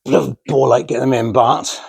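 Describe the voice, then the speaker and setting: Brisk and creaky, this medium-pitched man sounds a bit mellow and slightly rough as he narrates a DIY build with steady tone. A chatty, self-deprecating vlogger working with his hands, he's on a remote mic with no room sound.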